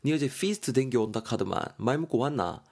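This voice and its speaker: A man's voice: medium pitch, animated, quick pace, creaky, a little mellow. A man voicing a curious young male friend who asks blunt casual questions.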